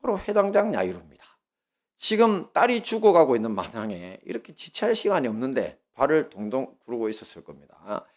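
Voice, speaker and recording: Man, pastor, Gyeongsang Korean accent, sermon, animated pitch, storytelling, asks the congregation questions. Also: fairly quick.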